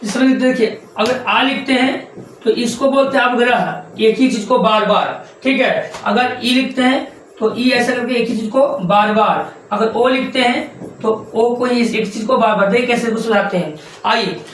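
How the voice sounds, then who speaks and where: High-voiced man teaching in a very echoey room. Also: normal speed, a bit bright, a little hiss or hum. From India. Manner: repetitive, drills points with rhetorical questions. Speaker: Sanskrit grammar teacher. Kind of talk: classroom lecture to students.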